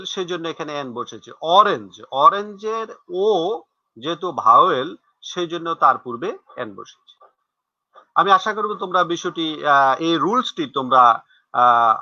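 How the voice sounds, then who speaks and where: Man, teacher, lively intonation, dry close sound, patient explaining. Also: fairly high pitch, no echo, dull audio. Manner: explains slowly, repeats examples, asks rhetorical questions. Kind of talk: recorded classroom lesson.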